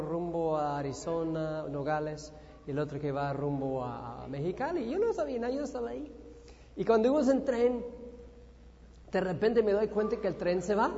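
A man preaches in a church, telling a story with lively energy and acting out his own moments of panic. His voice is mellow, and it rings through a long, echoey hall. The recording sounds dull and lo-fi. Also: high-pitched. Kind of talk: sermon with personal storytelling.

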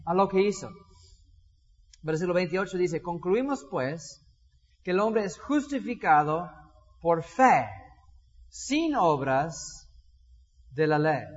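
A man preaching a sermon as pastor, animated, acting out little dialogues with shifting voices. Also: sits high. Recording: dull sound in a reverberant hall.

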